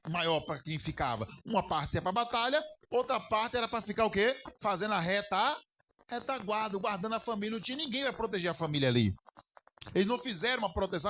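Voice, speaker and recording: A man's voice: high-pitched, fairly bright tone, slight background noise. A man preaching a sermon on a Bible lesson as pastor, often stopping to ask the congregation questions and calling them brother.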